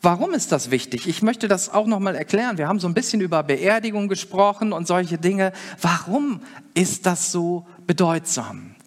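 Guy preaching a sermon, kinda high voice, earnest, asks the crowd stuff, long echo. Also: lively intonation, moderate pace. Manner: earnest, explaining, asks listeners questions. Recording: long hall reverb.

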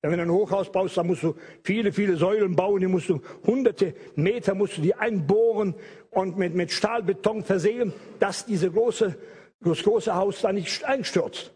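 A man's voice: high-pitched, normal speed, warm tone, husky. An older man preaching an evangelical sermon, emphatic, repeating phrases and stretching key words.

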